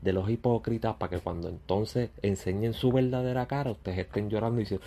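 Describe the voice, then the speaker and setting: A man, a YouTuber talking bluntly and confrontationally straight at his critics in a ranting monologue, with a gravelly, husky voice. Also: fairly low pitch, brisk, mellow.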